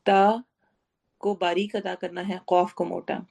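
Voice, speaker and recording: A woman teaching a Quran tajweed lesson, reciting slowly and then explaining each sound step by step. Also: lowish voice, creaky. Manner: slow drawn-out recitation, then steady explaining.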